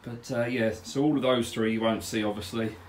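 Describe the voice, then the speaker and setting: A man chats through his DIY work in a cramped garage, rambling and matter-of-fact, full of "uh, yeah" fillers. The mic sits some way from him, so his voice sounds distant. A steady air conditioning hum and passing traffic run underneath. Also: mid-range voice, fairly quick, echoey room. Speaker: DIY pond vlogger. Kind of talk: casual DIY walkthrough chat. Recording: distant mic with background noise.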